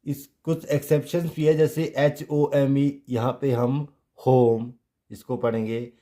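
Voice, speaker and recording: A man gives a patient pronunciation lesson at an unhurried pace. His voice is warm and mellow. He spells each word out letter by letter and answers his own questions. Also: mid-range voice, level tone. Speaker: English teacher.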